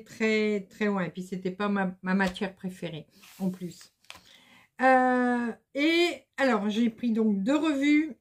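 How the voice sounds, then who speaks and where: A middle-aged woman chatting casually to her viewers about embroidery magazines, hesitant and full of fillers. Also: a little high. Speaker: embroidery vlogger. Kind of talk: casual chat to camera.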